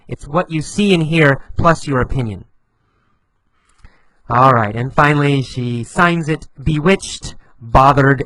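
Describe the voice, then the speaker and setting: A man teaching English vocabulary, explaining slowly and patiently, repeating phrases with lively emphasis. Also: medium pitch, dry recording, low-quality recording.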